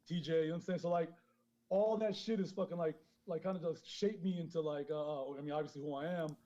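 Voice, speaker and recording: A man who grew up in Queens, high and chatting casually as a podcast guest, rambling, swearing a lot and laughing often. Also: steady tone, quick pace, warm tone. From born in Honduras, grew up in Queens, New York. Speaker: guest caller, clothing brand founder. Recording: dull lo-fi phone call.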